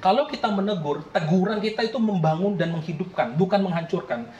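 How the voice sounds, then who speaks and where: A man's voice: sits high, lively intonation, fast talker, darkish tone, roomy sound, muffled recording. A man in his late thirties preaching a sermon in an earnest, conversational way, often addressing the congregation directly. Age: late 30s. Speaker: pastor.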